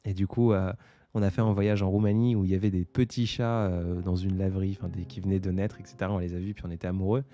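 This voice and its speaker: Low mellow young man hosting a live chat. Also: little pitch movement, fast, no echo. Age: 20s. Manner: hesitant, many fillers, reflective. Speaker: livestream host. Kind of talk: casual live chat reading viewer comments.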